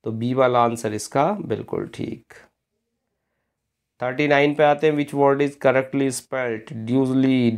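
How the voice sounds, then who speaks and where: Slow gravelly teacher spelling words. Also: male voice, medium pitch. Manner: spells words out letter by letter, slowly and deliberately; addresses students as friends. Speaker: English teacher. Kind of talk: exam-prep spelling lesson.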